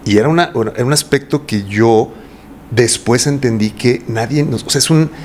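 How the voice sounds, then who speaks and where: A man's voice: mid-range voice, moderate pace, darkish tone, slight background noise. A man with a Mexican accent, a voice coach talking at length in a casual interview and often asking rhetorical questions. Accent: Mexican Spanish. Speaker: voice coach guest.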